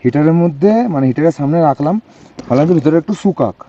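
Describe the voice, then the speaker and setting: A man's voice: fairly high pitch, fast, mellow, lo-fi sound. A man vlogging his motorbike trip outdoors at a hilltop monastery, talking casually to camera and mixing English words into his speech, a bit out of breath. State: somewhat out of breath. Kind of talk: casual vlog narration to camera.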